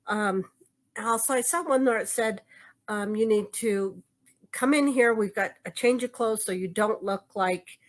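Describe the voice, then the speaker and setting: Speaking a little slowly in a medium-pitched voice, this quilt shop video co-host casually displays her craft projects. She wanders from thought to thought, often fumbling for the right word.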